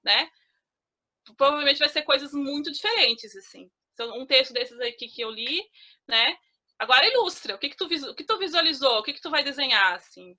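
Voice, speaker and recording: Woman from Brazil, writing workshop leader, very bright tense tone, chatty, many fillers, laughs easily. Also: high-pitched, animated, brisk. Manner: laughs easily while explaining. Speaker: author of children's stories and poems. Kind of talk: informal teaching talk.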